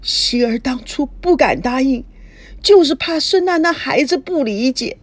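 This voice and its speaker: A woman's voice: high voice, expressive, measured pace, dry recording, voice pushed up. A woman voicing a grieving elderly grandmother who speaks tearfully with a quavering voice in a storybook reading. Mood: weeping guilt.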